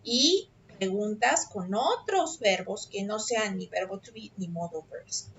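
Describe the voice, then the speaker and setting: Woman, online teacher, patient explaining, frequent check-ins, slow delivery, muffled call audio. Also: mid-range voice, a little hiss or hum. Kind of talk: explaining an assignment on a video call. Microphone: computer mic on a video call. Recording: dull lo-fi video call audio.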